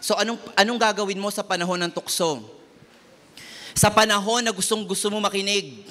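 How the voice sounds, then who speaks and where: A man preaches a lively sermon, moving freely between Tagalog and English. His voice sits a little high and rings bright and forceful, and he drops into other voices when he quotes people. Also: brisk.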